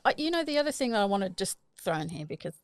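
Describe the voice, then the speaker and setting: A woman's voice: mid-range voice, very animated, very fast. A woman with a South Australian accent speaking earnestly in a casual podcast conversation.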